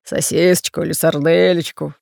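A woman voicing a scheming red-bearded male pirate who booms slowly in a low voice. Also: flat delivery, darkish tone, no echo, studio quality. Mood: gruff. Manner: deep gruff booming, slow.

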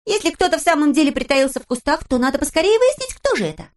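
A woman's voice: high voice, fast, pitched above the performer's own voice. A woman reading aloud, voicing a bold, impulsive, tender-hearted girl in exclamations that turn tearful. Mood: excited. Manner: excited, emphatic, tearful exclamations.

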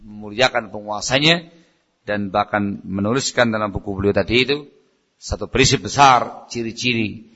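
A male Islamic preacher giving a lecture in a mosque, telling stories in an animated way. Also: on the low side, normal speed. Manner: animated storyteller, acting out quotes. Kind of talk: lecture sermon with storytelling. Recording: dull lo-fi recording.

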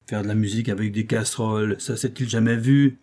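A man's voice: on the low side, fairly even intonation, fairly quick, mellow, lightly acted. A man voicing an angry, grumbling male cook in a storybook reading. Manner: angry, scolding.

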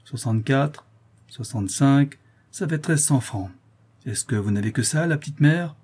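A man's voice: medium pitch, expressive, normal speed, darkish tone, breathy edge, voice pushed up. A man reading an audiobook and voicing a brusque, mercenary bailiff who counts money and talks in curt, businesslike bursts.

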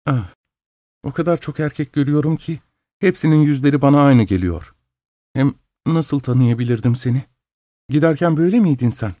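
A man's voice: fairly high pitch, a little fast, dark tone, dry recording, studio quality, pitched above the performer's own voice, lightly acted. A man reading an audiobook, voicing a grieving young woman who tearfully tells her long-lost brother her story. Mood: despairing. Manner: tearful, pleading, emotional.

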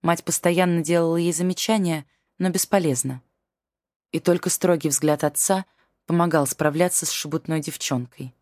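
A woman with a very low voice reads a novel aloud as an audiobook narrator. Her delivery is measured and even. The recording is dry and close, with no room sound. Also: no room sound. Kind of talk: scripted narration.

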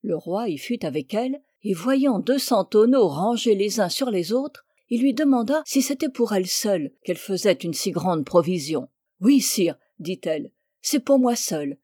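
A woman reading a classic fairy tale aloud in a measured, expressive storybook narration. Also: medium pitch, husky, no room sound, clean studio sound. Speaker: reader.

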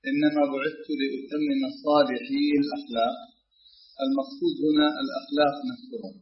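A man's voice: a little high, slight background noise. A man talking with a sheikh in a scholarly discussion. He sets out his points one by one and stresses them firmly. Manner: emphatic, argues point by point. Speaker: student questioning a sheikh. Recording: dull old lo-fi tape.

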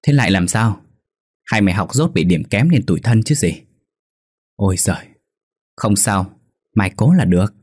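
A man voicing a poor, tough boy who acts as a protective big brother, talking gruffly. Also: deep voice, unhurried, long pauses, a little mellow, no echo. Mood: anxious.

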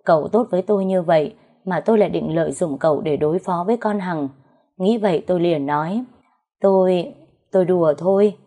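A woman narrating a first-person story in a steady, plain way. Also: on the low side, fast.

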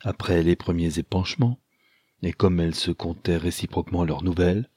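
A man reading a classic novel aloud as a narrator, measured and even. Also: sits low, husky, no room sound, clean studio sound. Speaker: audiobook narrator. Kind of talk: scripted narration.

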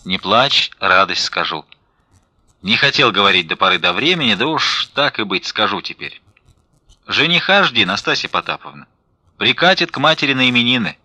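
A man's voice: lowish voice, very animated, moderate pace, dry recording, heavily acted. A man doing a furious domineering old-style father. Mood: commanding. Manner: shouting, domineering. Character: angry stern wealthy father, middle-aged. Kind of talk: audiobook reading.

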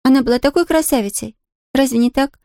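A woman reading an audiobook, putting on the voice of a cheerful, eager little girl who talks brightly and pleads sweetly. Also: high-pitched, fast talker, no room sound, studio quality, pitched above the performer's own voice. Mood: earnest.

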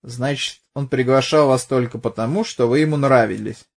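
In an audiobook, a man plays a pushy, sarcastic middle-aged police detective who bluntly mocks and probes a witness. His voice is medium-pitched and lightly acted, at a moderate pace.

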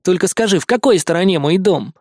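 A man's voice: sits high, expressive, fairly quick, no echo. Earnest schoolboy voiced by a man; plain, close to the reader's own voice. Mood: indignant. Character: honest fifth-grade boy.

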